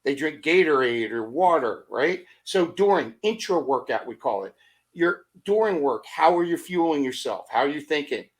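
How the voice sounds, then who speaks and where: A middle-aged man on a motivational podcast, telling energetic stories full of rhetorical questions and acted-out asides. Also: a little high, moderate pace. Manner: acts out his own thoughts in quoted asides. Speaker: podcast guest.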